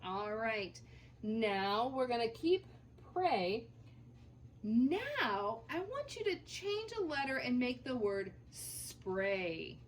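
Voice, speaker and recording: A woman teacher leading a children's phonics lesson, sounding out letters slowly and encouragingly. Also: a little high, very animated, a little hiss or hum.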